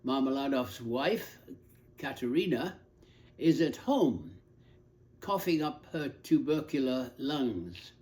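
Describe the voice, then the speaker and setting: A man's voice: medium pitch, dark tone. A man giving an earnest, scripted lecture on a novel, telling it like a story. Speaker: lecturer on literature.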